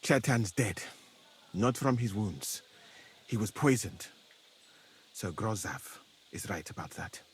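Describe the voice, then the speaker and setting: A man voicing a calm, learned foreign physician in a game, speaking in a formal, measured and dryly ironic way. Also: lowish voice, slight background noise.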